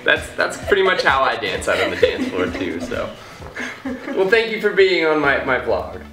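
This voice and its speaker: A vlogger and host from Iowa in the United States chats casually in an American accent, playful and teasing. His medium-pitched voice is very animated, bright and forceful, at a moderate pace. Music plays behind him in a roomy, echoing space.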